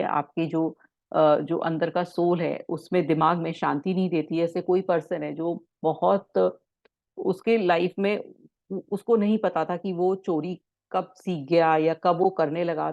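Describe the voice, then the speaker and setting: A woman instructor teaching a spiritual symbol course, explaining in Hindi mixed with English and reading English passages slowly. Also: on the low side, a little mellow, no room sound, highs cut off.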